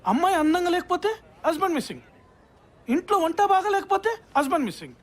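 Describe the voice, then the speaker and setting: Give us a brusque police desk officer who talks fast in a high, lively voice. She waves people off and barks at juniors. A dubbed thriller scene. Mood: dismissive. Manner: brusque, dismissive, bossy with juniors. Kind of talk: dubbed film dialogue.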